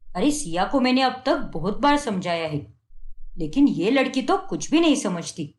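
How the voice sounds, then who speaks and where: A woman's voice: medium pitch, sing-song, normal speed, reverberant, natural voice. A woman voicing a fault-finding young husband in a cartoon, scolding and contemptuous. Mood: scornful. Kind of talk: Hindi cartoon dubbing.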